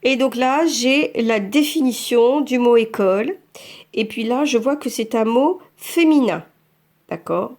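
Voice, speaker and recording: In a slow, patient app tutorial for French learners, a woman narrates every tap and moves screen by screen through the steps. Her voice is on the high side and a little mellow.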